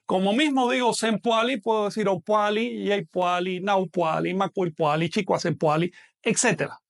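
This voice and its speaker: A man's voice: high-pitched, steady tone, normal speed, vocal fry. A man teaching a math class online, explaining patiently and quizzing a student as he goes.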